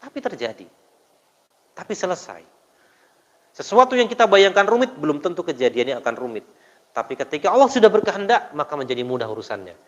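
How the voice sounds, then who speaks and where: A fairly high-voiced man preaches to a congregation in a big echoing hall, with long reverb trailing his words. He tells stories and keeps turning to the crowd with questions. The sound is dull and muffled. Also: very animated, brisk, pauses often, a bit bright. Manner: storytelling with rhetorical questions to the congregation. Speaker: Islamic preacher. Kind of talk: mosque study sermon. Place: mosque hall.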